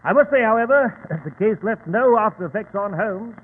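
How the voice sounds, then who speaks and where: High-voiced, earnest Doctor Watson. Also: male voice, expressive, fairly quick, husky. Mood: genial, reminiscing. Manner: formal, earnest, exclamatory. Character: earnest, astonished male doctor, the detective's loyal companion. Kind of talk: 1940s radio drama acting. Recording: tinny, hissy 1940s radio recording.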